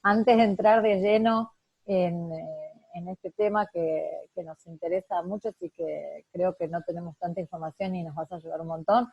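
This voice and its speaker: A woman co-hosting a podcast, asking questions in a casual, halting way with frequent fillers. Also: fairly low pitch, fairly even intonation, breathy edge, dry recording, dull audio. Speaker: podcast co-host.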